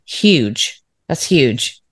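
Low-voiced woman teacher, unhurried. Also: sing-song, breathy edge. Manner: thoughtful, with fillers and restarts, warm agreement. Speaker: teacher, podcast co-host. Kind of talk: casual podcast chat.

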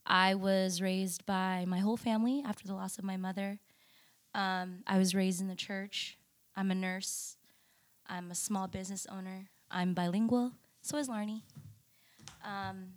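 A woman's voice: medium pitch, steady tone, no room sound. Reflective woman, dry close sound. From United States. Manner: reflective, many pauses and ums. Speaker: podcast guest, photographer and nurse. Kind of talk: casual interview conversation.

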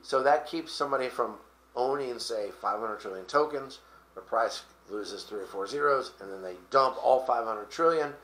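A man's voice: mid-range voice, moderate pace, a bit bright, echoey room. A man hosting a casual talk show, explaining crypto tokens in a rambling way with lots of fillers and restarts. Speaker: podcast host.

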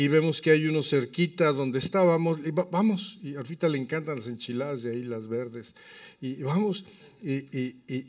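Pastor with a higher, lively voice. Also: male voice, distant mic. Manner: lively, humorous storytelling. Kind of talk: sermon with personal anecdotes. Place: church.

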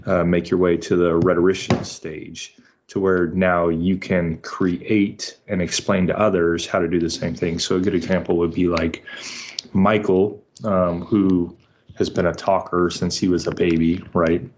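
A man in his forties, a homeschooling father, explaining methodically in an interview, checking in with "right?" and filling pauses with "uh". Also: deep voice, level tone, a little mellow. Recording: muffled lo-fi audio.

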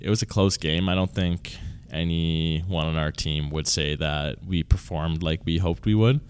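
A man in his early twenties, a university volleyball player, answering interview questions casually and haltingly, often restarting and trailing off. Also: sits low, fairly even intonation, clean tone, dry recording. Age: 20s.

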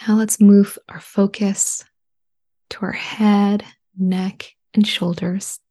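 A woman leading a guided relaxation in a soft, soothing spa whisper, hushed, breathy and gentle. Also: medium pitch, little pitch movement, slow.

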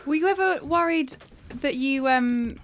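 A woman with a fairly high-pitched voice hosts a podcast interview. She talks in a casual, conversational way. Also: unhurried, a little hiss or hum. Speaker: podcast host.

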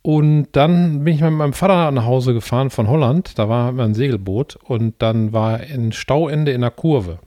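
A young man co-hosting a casual podcast, telling a story from his childhood in a relaxed way. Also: medium pitch, moderate pace, hardly any pauses, no room sound, dull audio. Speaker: podcast co-host. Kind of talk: casual chat.

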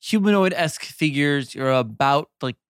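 A man narrating as game master in a tabletop role-play game, unhurried and descriptive, with many fillers. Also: a little high, animated, clean tone, no echo, studio quality.

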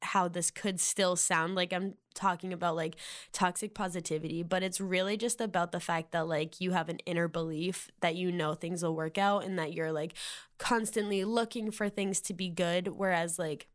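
A woman's voice: on the low side, fairly even intonation, moderate pace. Rambling Valley Girl woman podcaster. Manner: rambling, heavy use of "like" fillers. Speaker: podcast host. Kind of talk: casual solo podcast monologue.

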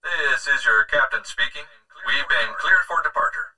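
An airline captain speaks over the cabin intercom, as a man puts him on in a formal announcing voice. He sounds distant from the mic, and loud noise nearly drowns him out. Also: medium pitch, normal speed.

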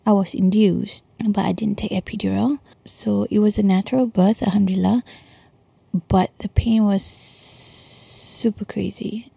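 A young Malaysian woman podcaster in a casual, hushed, whispered monologue, chatty and breathy, sprinkling in Malay slang. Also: mid-range voice, no echo. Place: quiet bedroom at home at night.

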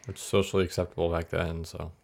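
A woman co-hosting a casual podcast, cutting in with dry one-liners and quick remarks. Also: very deep voice, little pitch movement, vocal fry, darkish tone. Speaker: podcast co-host.

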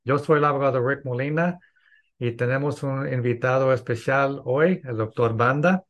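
A man's voice: mid-range voice, moderate pace. Man hosting a radio talk show. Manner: plain, hesitant with restarts.

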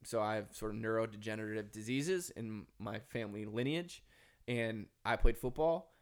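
A man's voice: lowish voice, normal speed. A man with a Minnesota accent speaking earnestly and reflectively as an author guest in a podcast conversation. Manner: earnest, philosophical, emphatic.

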